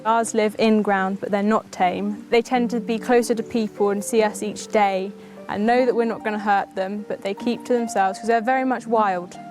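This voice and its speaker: A woman's voice: medium pitch, steady tone, normal speed, over music. A woman who breeds ponies, talking casually in an interview about her work. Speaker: pony breeder.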